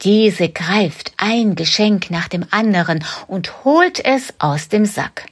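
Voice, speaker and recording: A woman telling a children's story as a whispered role-play, in a soft, hushed bedtime manner and a breathy voice. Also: medium pitch, expressive, slow pace.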